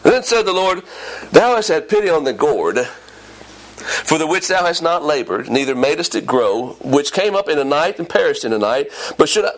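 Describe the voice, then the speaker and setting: A man preaching a sermon, reading old scripture aloud and swinging from low emphasis to emphatic high peaks. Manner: animated, rising to emphatic peaks and dropping low; reads King James scripture aloud.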